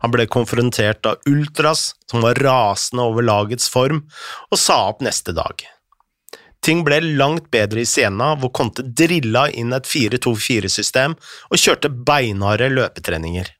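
A narrator, reading a scripted story in a lively, amused way. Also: medium pitch, no echo, clean studio sound.

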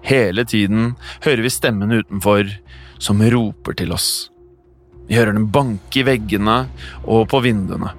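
A man reading a scripted first-person horror story as a podcast narrator, steady and hushed. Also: fairly low pitch, faint music behind.

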